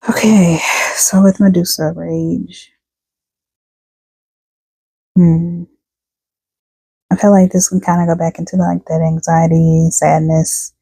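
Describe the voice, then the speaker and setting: A woman's voice: fairly low pitch, flat delivery, slow pace, creaky, pauses often, dark tone, husky, dry recording, low-quality recording. A woman doing a casual tarot reading for her viewers, chatting and reading card texts aloud, tired and yawning. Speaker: tarot reader.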